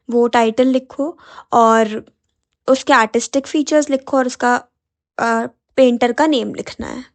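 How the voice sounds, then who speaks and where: A young woman with a high-pitched, hoarse and sore-sounding voice teaches an exam-prep lesson, talking directly to her students in a blend of Hindi and English.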